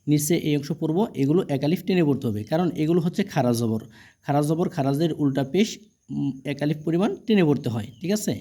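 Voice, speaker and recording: Patient Bengali Quran-reading teacher drilling letters. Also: male voice, fairly high pitch, quick pace, warm tone. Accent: Bangladeshi Bengali. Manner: patient, repetitive, checks understanding with rhetorical questions. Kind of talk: spelled-out Arabic letter drill lesson.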